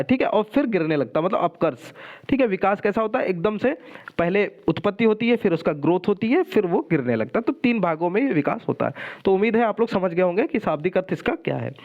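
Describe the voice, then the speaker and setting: A man's voice: high voice, muffled recording. A male teacher giving an exam-prep lecture, explaining step by step and checking in with "okay" after each point. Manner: explanatory, repeats "ठीक है" often.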